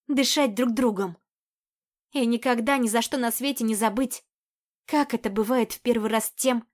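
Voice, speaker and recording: A woman narrating a first-person romance audiobook in an intimate, even, unhurried reading. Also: on the high side. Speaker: audiobook reader.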